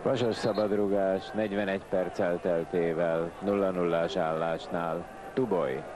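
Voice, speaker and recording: A man's voice: low voice, steady tone. A man giving live football match commentary, clipping out the names of players. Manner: clipped naming of players, exclaims at chances. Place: football stadium. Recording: loud stadium crowd, noisy old TV broadcast.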